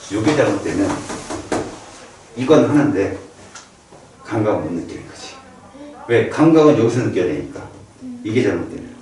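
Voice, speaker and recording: A man teaching a biology class, lecturing in a lively, playful way and acting out little reactions for the students. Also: mid-range voice. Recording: echoey room from far off.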